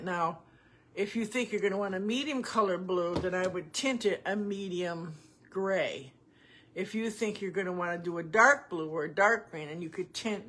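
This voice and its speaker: Woman painting teacher, folksy and rambling, medium pitch, soft hiss in the background. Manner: rambling, chatty, folksy, with asides and restarts. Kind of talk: casual painting tutorial.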